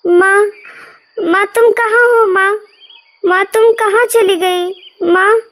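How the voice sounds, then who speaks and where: A woman's voice: high-pitched, slow pace, a little mellow. A woman voicing a small male bird chick in a cartoon, pleading and weeping for his mother. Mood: crying.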